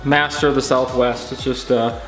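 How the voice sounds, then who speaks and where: Middle-aged male homeowner, average pitch, unscripted and down-to-earth, roomy acoustic, music underneath. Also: level tone, moderate pace, a bit bright. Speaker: homeowner and furniture maker. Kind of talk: casual, unscripted house tour explanation. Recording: roomy echo, background music.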